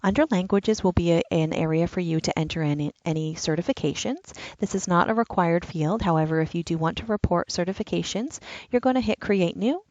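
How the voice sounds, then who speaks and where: A woman with a lowish, darkish voice speaks briskly with few pauses, guiding viewers plainly and patiently through an online application form one step at a time. She's an enrollment trainer in a screen-recorded software walkthrough, and the recording is dry and dull.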